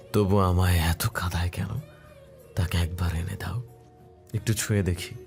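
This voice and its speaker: A man's voice: fairly low pitch, vocal fry, darkish tone. A man playing a young doctor husband. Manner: tender, then anguished and tearful. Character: young doctor husband, romantic then grieving. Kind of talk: romantic audio story acting.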